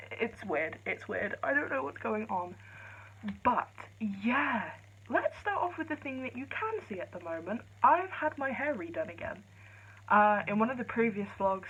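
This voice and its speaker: A woman talking quietly in a chatty, rambling vlog, filmed on her phone. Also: a little high, husky. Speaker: vlogger. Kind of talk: casual vlog chat. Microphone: phone camera. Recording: lo-fi phone audio.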